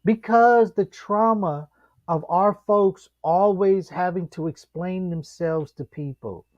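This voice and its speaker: Man, lively storyteller, dry close sound, slightly dull lo-fi audio. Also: slow pace, dry recording. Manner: animated storyteller, acts out quotes with big pitch jumps. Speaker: podcast co-host. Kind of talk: casual chat.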